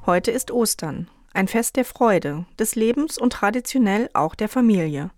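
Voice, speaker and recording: Brief: female radio presenter, measured scripted read, dry close studio sound. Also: medium pitch, expressive, a little mellow, no room sound, soft background music.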